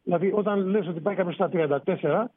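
A man, a sports reporter phoning in to a radio show, explaining in an animated way. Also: high voice, a crowd in the background. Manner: explanatory, animated, rising emphasis. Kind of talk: sports radio phone-in analysis. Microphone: phone. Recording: tinny phone line on radio.

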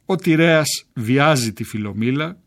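A man narrating a literary essay in a measured, emphatic reading style. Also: medium pitch, expressive.

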